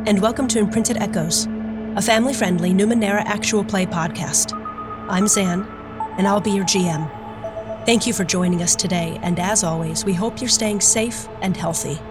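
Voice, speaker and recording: A woman hosting a tabletop role-play podcast, narrating the story as game master in a measured storytelling way. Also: medium pitch. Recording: music under the voice.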